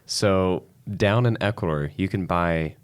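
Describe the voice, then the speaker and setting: A man's voice: sits low, measured pace, clear, resonant tone. A man hosting a casual podcast, telling stories in a chatty way with lots of fillers. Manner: chatty storyteller, frequent fillers like "anywho". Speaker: podcast host.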